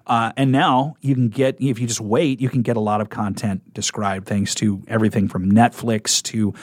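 A man's voice: fairly low pitch, steady tone, normal speed, no echo, studio quality. A man chatting casually and enthusiastically as a guest on a radio interview program. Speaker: radio talk show guest and coworker.

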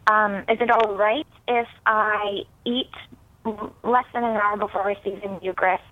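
A woman calls in with a question, her voice squeezed through a thin, tinny phone line that keeps cutting in and out. She speaks in a middle range, hesitant and halting, often restarting her words. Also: medium pitch. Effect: phone line breaking up. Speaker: caller. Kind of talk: call-in question.

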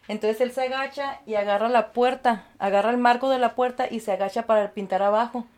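A woman, a guest recounting her experiences and acting out the voices of others in lively conversation. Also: fairly high pitch, brisk. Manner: animated, acts out quoted voices, laughs easily. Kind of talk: storytelling in conversation.

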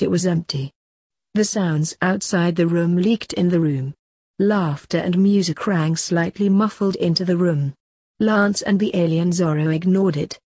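A woman narrating a sci-fi story aloud in a steady, plain way. Her voice is husky and somewhat low, with a dry, close sound. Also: no room sound.

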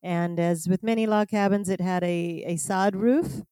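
A woman's voice: mid-range voice, steady tone, moderate pace, warm tone, clean tone, no echo. A woman, an interview guest from the tourism field, telling a story from her first job and chuckling through it. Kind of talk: anecdotal storytelling.

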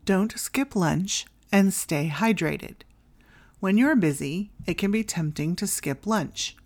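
A woman podcast host reading scripted practical advice in a tidy, instructional way, in short clear directives. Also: mid-range voice, slow, darkish tone. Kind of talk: scripted solo advice narration.

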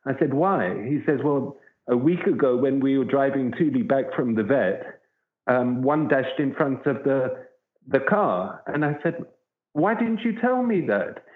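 An earnest man tells a long, rambling story as an interview guest. His voice comes through a tinny, phone-like line with a hollow echo around it. He sits at a middling pitch for a man. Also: animated, measured pace. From southern Africa. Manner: earnest, rambling anecdotal telling. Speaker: wildlife researcher, guest.

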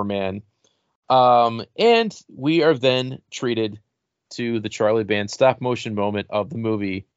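A man's voice: lowish voice, clean tone, no echo. Male podcast host, wry and joking, mid-range voice, dry muffled recording. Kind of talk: casual chat reviewing a film. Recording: dry, dull lo-fi sound.

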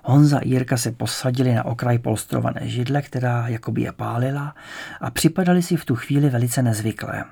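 Male audiobook narrator, measured reading, gravelly, husky. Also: mid-range voice, warm tone. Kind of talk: scripted narration.

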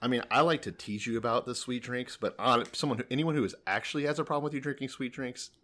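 A man's voice: medium pitch, fast, a bit bright. A man chatting casually as a comedy podcast co-host, teasing and swearing freely. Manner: profane, teasing.

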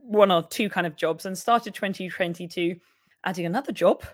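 A young woman co-hosting a podcast, with a croaky, husky voice, chatting and laughing as she rambles. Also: on the low side, normal speed, dry recording, clean studio sound. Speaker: podcast co-host. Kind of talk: casual podcast chat.

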